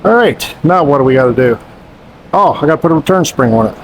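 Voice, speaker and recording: A man's voice: fairly high pitch, expressive, fast, a little hiss or hum, rough recording. A man working as a mechanic, chatting casually and joking in a folksy country way while rebuilding an engine in a garage. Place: garage workshop.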